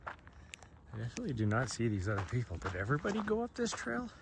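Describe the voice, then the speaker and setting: A man's voice: mid-range voice, wildly swooping pitch, fast, gravelly. A man chatting casually while out on a trail, rambling with frequent laughs and a throat scratchy from smoke. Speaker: trail runner vlogger. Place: outdoors on a trail. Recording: noisy outdoor recording.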